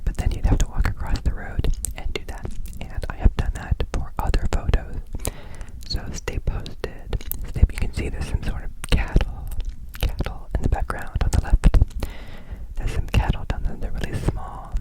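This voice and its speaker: A man hosting an ASMR ramble in a soft, unvoiced whisper, close to the mic, often repeating words and phrases. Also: moderate pace, low-quality recording. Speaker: ASMR video host.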